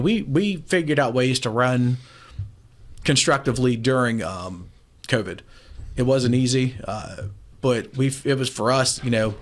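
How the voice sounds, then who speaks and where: A man in his forties, an appliance store owner, talking briskly and confidently as a guest on a radio show over a video call. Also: medium pitch. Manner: brisk, confident business talk. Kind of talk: casual radio talk interview. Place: small room, indoors, remote video call. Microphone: studio mic with headphones.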